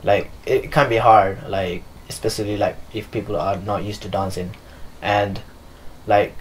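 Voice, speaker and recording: Young man, from Nepal, low voice, casual rambling answers, faint room hum. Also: steady tone, normal speed, low-quality recording. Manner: loose, filler-heavy, many "like"s. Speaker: dancer and choreographer, guest. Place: living room with leather sofas.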